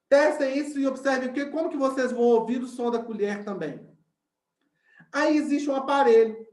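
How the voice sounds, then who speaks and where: Male teacher, explains step by step and often checks that the class follows, in a roomy echoey space. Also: very high voice. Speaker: science teacher. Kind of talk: online class lesson.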